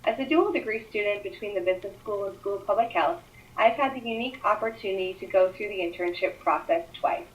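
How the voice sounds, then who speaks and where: A woman student introducing herself as a career mentor in a smooth, scripted delivery. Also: mid-range voice, fast, lo-fi sound. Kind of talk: read self-introduction.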